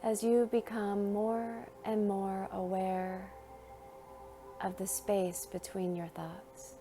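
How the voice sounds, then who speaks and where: A woman's guided meditation unfolds gently and without rush, with long breaks between each phrase. She holds a medium pitch that barely moves, and she speaks over music.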